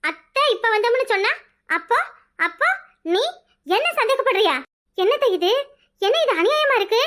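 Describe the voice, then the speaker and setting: A woman's voice: very high voice, animated, moderate pace, fairly bright tone. A woman voicing a touchy young married woman who protests with wailing self-pity, in a southern Tamil Nadu accent. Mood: indignant. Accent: southern Tamil Nadu dialect. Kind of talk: cartoon voice acting.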